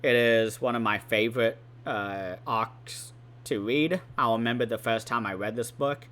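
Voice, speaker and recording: Guy rambling about his fave fantasy books, bright punchy voice, lots of uhs and swearing. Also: mid-range voice, measured pace. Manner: rambling, enthusiastic, casual swearing, frequent fillers. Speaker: book channel host. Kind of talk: casual book ranking talk.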